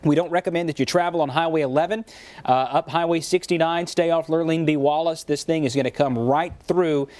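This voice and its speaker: A man's voice: on the high side, steady tone, fairly quick, a little mellow, dry recording. A man working as a TV meteorologist, giving emphatic, explanatory live storm commentary.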